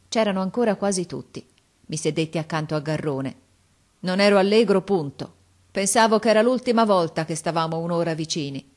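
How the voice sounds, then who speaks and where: A woman reading a story aloud as audiobook narrator, expressive, lifting her voice for emphasis and dropping it for quieter passages. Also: on the low side.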